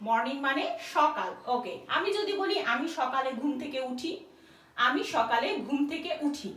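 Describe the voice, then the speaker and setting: Woman English teacher, high and animated voice, slowly repeats example sentences, a bit off-mic. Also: far from the mic. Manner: slow, drawn-out repetition of English example sentences. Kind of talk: lesson. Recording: echoey room, voice somewhat off-mic.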